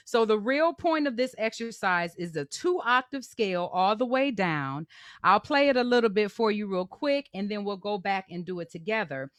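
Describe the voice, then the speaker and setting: A woman's voice: mid-range voice, animated, moderate pace, no echo, studio quality. A woman teaching a live online singing masterclass, explaining exercises in an encouraging, chatty way and singing demonstrations. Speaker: vocal coach.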